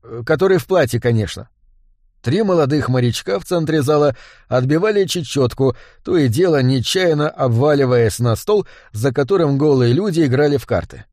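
Brief: male narrator, slightly high voice, lively pitch, very dry close sound. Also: no room sound. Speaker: audiobook narrator. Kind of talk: scripted narration.

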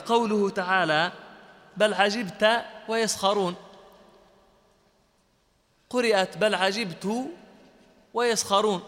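A man's voice: high-pitched, fairly bright tone, big-room sound. A man teaching a Quran recitation lesson, explaining terms step by step and quizzing his listeners with questions. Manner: chants short verse quotations in lesson. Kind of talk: classroom lecture.

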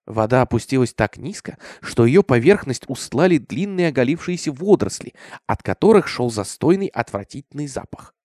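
A man narrating a horror story with an intense, expressive delivery. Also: medium pitch, normal speed, no room sound, clean studio sound. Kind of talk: dramatic horror story reading.

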